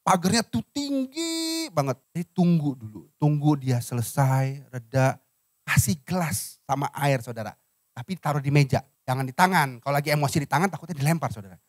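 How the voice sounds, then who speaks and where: A male pastor, preaching a sermon and leading the congregation in reading. His voice drops soft and low at the ends of phrases. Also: fairly quick, no room sound, studio quality. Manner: addresses listeners as "saudara", dropping soft and low at phrase ends; leads congregation in reading aloud by counting.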